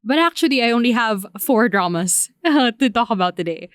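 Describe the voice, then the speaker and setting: Smooth-voiced woman podcaster, chatty and informal. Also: a little high, expressive, normal speed, fairly bright tone, no echo, studio quality. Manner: chatty, informal, addresses listeners directly. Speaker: podcast host. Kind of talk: casual solo drama review.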